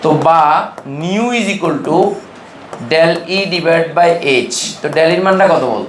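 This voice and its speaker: A man's voice: a little high, steady tone, roomy sound, a little hiss or hum. A man from Bangladesh teaching a chemistry class, constantly quizzing his students in an informal, brotherly way. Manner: keeps quizzing students with quick questions. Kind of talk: classroom lecture.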